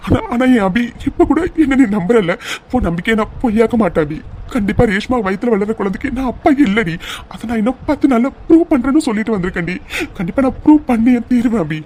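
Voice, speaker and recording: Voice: mid-range voice, expressive, fast, a little mellow, natural voice. A distraught young husband from a cartoon serial, played by a voice actor, begging his wife to trust him. His voice sits in a middling range, wet with tears and full of repeated pleas. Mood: pleading. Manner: pleading, tearful, repeats himself. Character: young husband, anguished and pleading.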